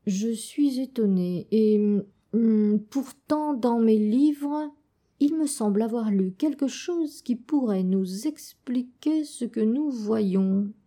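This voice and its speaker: Un vieil esturgeon aimable et érudit, au parler poli et posé, joué par une conteuse. Sa voix reste plutôt aiguë, avec un timbre chaud et un débit lent. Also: female voice, fairly high pitch, slow pace. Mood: courteous. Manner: polite, gentle, bookish. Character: old kind learned male sturgeon.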